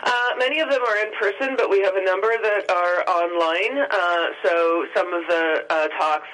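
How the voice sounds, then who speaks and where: A woman talking over the phone as an event organizer, pausing often with filler sounds. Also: on the low side, fairly bright tone, rough recording. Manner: hesitant, many filler sounds. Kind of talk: phone-in interview.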